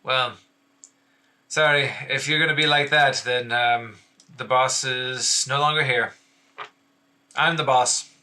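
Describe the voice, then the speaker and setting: A man's voice: medium pitch, steady tone, slow pace, long pauses, bright, forceful tone. A man voicing a pushy, suspicious male gang thug guarding a dock. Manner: brusque, suspicious.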